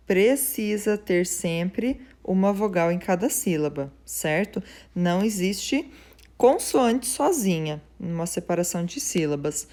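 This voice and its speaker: A woman teacher explaining a lesson patiently, often checking in with her students and slowly drawing out example words. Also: lowish voice, dark tone.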